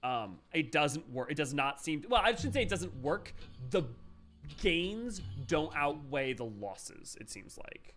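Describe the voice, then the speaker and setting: A man's voice: fairly high pitch, very animated, unhurried, fairly bright tone, soft background music. A man streaming a game, chatting casually to his viewers as he comments on it.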